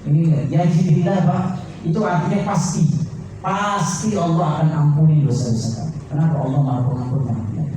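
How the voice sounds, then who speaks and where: A man's voice: mid-range voice, warm tone, a little hiss or hum. A man preaching a sermon, telling stories with quoted dialogue, reciting Arabic verses and putting questions to his listeners. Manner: addresses listeners directly, asking them questions. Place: mosque. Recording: echoey room, heard from a distance.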